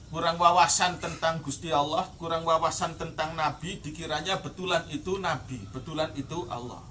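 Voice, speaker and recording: A man with a Javanese accent teaches from a classical Islamic text in the traditional pesantren way, reading the Arabic and then glossing it word by word before explaining. His voice sits a little high and comes across bright and ringing. He sounds set back from the microphone, with birds faintly audible in the background. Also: far from the mic, slight background noise.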